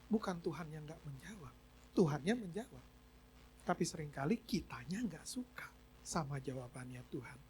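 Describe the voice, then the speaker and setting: A man's voice: on the high side, expressive, normal speed, a little mellow, slight background noise. A man preaching a sermon as pastor, telling a story and mixing English phrases into his talk. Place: church service.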